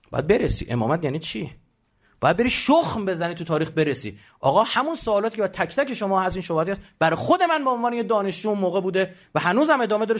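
High-pitched, emphatic male lecturer. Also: muffled recording. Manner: emphatic, rhetorical, mimics others' voices. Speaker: religious lecturer. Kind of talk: animated religious lecture.

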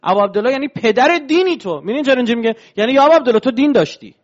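High-voiced man giving a religious lecture. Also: animated, highs cut off. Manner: explains step by step, asking the audience rhetorical questions.

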